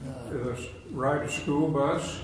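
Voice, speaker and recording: A man's voice: medium pitch, takes it slowly, a crowd in the background. An older man telling folksy, chuckling stories from his younger days to a group. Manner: folksy, chuckling through anecdotes. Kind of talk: casual storytelling to a group. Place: large echoey room with a group. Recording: very echoey room, mic from a distance, faint noise.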